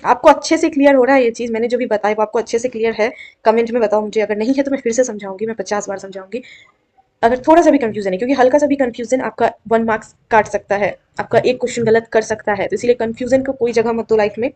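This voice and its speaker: A woman's voice: on the high side, quick pace, darkish tone. A young woman teaching an exam-prep grammar lesson, coaxing and checking often that students follow. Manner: coaxing, repeatedly checks understanding.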